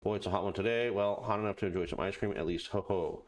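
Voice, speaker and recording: A man giving casual let's play commentary, muttering halting asides to himself and reading on-screen text aloud. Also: low-pitched. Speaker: gaming video host.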